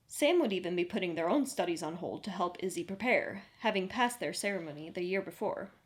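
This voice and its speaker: A woman narrating a story in an even, audiobook-style read. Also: on the low side, a little fast.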